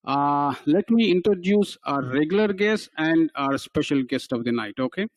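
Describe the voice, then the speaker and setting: A male radio host with a voice pitched a little above the usual for a man. His talk is halting, full of restarts, and relaxed in tone. The sound is dry and close, with no room around it. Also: no room sound, low-quality recording. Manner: halting, restarts sentences often. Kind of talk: casual radio sports chat.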